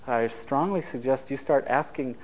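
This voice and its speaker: His voice is mid-range and a little mellow, moving at a moderate pace on a low-quality recording. This workshop leader, an Italian native speaker of Japanese, runs a taped relationship session conversationally, with anecdotes and jokes for the group.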